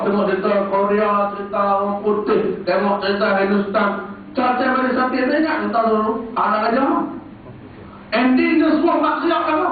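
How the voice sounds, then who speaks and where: A man with a Malaysian Malay accent preaching a sermon, animated, swinging between high exclamations and low asides. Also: slight background noise. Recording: tinny, far-off, echoey hall recording.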